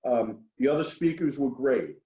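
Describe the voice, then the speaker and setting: A wealth management expert from Queens, New York, gives an informal financial seminar as a guest speaker, with a New York accent and folksy, joking asides. His mid-range, dark voice has lively intonation at normal speed, and the audio is dull, lo-fi and echoey.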